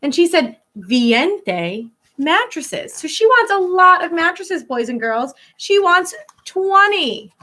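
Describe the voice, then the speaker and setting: Reading a picture book to children, a schoolteacher speaks in a very high-pitched voice. She stretches out key words, pauses to explain, and keeps the whole thing expressive and educational.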